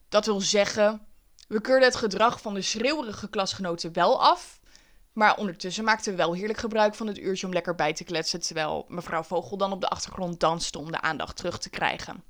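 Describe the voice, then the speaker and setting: A woman who now works as a teacher, telling a personal story in a wry, lively, self-mocking way. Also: medium pitch, normal speed.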